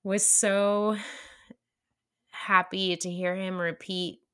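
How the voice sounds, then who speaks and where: A young woman co-hosting a podcast in casual chat, earnest and halting, with many fillers and restarts. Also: mid-range voice, little pitch movement, fairly bright tone, clean tone. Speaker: podcast co-host.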